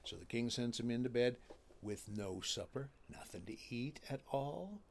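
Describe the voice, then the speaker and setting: A man telling a folk tale in a folksy, drawling, animated way. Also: mid-range voice, normal speed, slight background noise. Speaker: storyteller.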